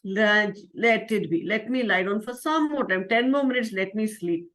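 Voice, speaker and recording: A woman's voice: mid-range voice, expressive, normal speed, fairly bright tone, close to an everyday voice. A woman voicing a lazy, whiny young village boy in a children's story.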